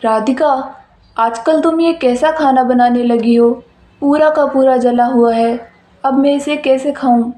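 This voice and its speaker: A woman voicing a young husband who lost his job and snaps at his wife, speaking in a lowered voice in an echoey room. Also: fairly even intonation, a little slow, mellow. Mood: angry. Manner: scolding, then apologetic. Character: young husband, short-tempered, stressed after losing his job. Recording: roomy echo.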